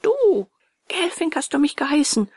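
A woman voicing a hot-tempered old male woodcarver, touchy and quick to flare up. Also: medium pitch, animated, gravelly, no echo, clean studio sound. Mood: angry.

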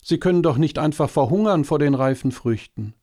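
A small, timid but eager little monkey chatters in a raised, hurried voice, as a man reading a storybook puts it on. It pleads earnestly and fusses to be helpful. The tone stays soft and mellow rather than bright. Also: lively intonation. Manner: quick, high, earnest pleading.

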